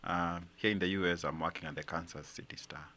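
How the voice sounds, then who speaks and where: Very deep-voiced man, bright tone. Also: fairly even intonation, quick pace, a little hiss or hum. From Kenya. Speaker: newspaper reporter, guest. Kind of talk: interview answers.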